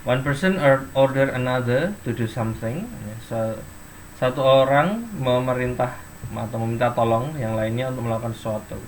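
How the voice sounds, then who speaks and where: A man's voice: medium pitch, normal speed, slight background noise. A man teaching English in an online class, explaining step by step and reading example sentences and dictionary entries aloud.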